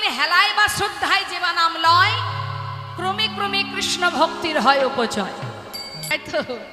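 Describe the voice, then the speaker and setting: A woman preacher and kirtan singer giving a devotional sermon, urging the audience and breaking into chants. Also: extremely high pitch. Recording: echoey hall with loud music.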